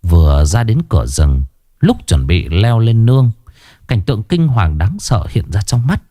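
A man narrating a ghost story in the first person, dramatic and expressive, dwelling on grim details. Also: on the low side, unhurried, no echo, studio quality.

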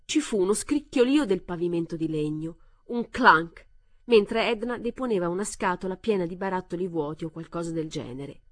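Story narrator, woman, low voice, measured expressive reading, dry studio sound. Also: no echo. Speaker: reader. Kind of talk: audiobook reading of a short story.

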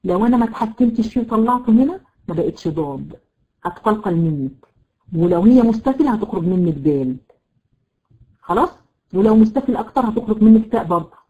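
A woman with an Egyptian Arabic accent teaching Quran recitation, repeating letters slowly to demonstrate and checking on her students by name. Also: mid-range voice, expressive, narrow, tinny audio. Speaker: tajweed teacher. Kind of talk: live online Quran recitation lesson.

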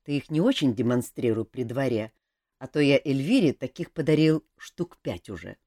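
A woman playing a composed male leader, calm and dryly ironic, low in pitch. The lines move with lively, varied intonation in a dry, close recording. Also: normal speed, no room sound.

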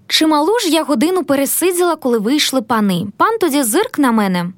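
A woman reads a classic tale aloud with expressive, lilting storytelling. Her voice is high and her intonation swoops widely. The sound is dry and close. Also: brisk, no room sound. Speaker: audiobook narrator.

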